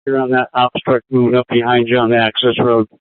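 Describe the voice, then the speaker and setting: A man working as air command dispatcher, giving calm, procedural instructions over a two-way radio. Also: mid-range voice, fairly quick, clear, resonant tone, no echo. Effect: heard over a two-way radio. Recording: tinny dry radio transmission.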